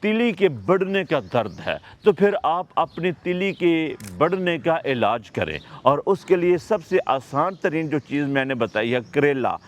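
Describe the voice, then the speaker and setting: A man's voice: on the high side, hardly any pauses, dull audio. A man with a Pakistani Urdu accent, explaining home remedies for pain to viewers in an instructive way. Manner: lively, instructive, self-correcting. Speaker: health advice presenter.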